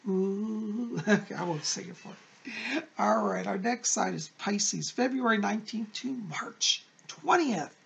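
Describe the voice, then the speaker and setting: Effusive fortune teller man, very creaky voice. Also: sits high, a little slow, a bit bright. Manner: effusive, encouraging, emphatic. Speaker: horoscope host, fortune teller. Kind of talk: fortune teller's weekly horoscope reading to viewers.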